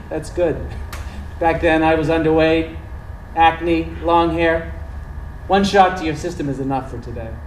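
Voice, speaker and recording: Playing a near-sixty doctor who is earnest, conversational, courteous and a former geek, a man speaks in a fairly high, natural voice at a measured pace with frequent pauses. The mood is nostalgic and teasing. He's captured from a distance on an indoor theater stage, with echo and noise.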